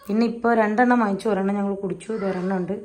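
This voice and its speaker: A young mother talks casually to her viewers at home in a gentle, mid-range voice. Her speech is relaxed and conversational. Faint noise sits behind her. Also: rapid-fire. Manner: high sing-song baby talk with her toddler; low soft asides to viewers. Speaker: mother and family vlogger. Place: family home, kitchen.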